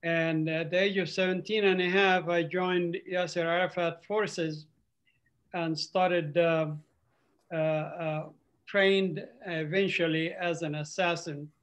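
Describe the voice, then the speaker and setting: A man's voice: fairly high pitch, little pitch movement, fairly bright tone. Earnest older man. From Palestinian, raised in Saudi Arabia and Qatar. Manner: earnest, halting with frequent uhs. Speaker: ministry speaker. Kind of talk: testimony on a video call. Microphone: video call.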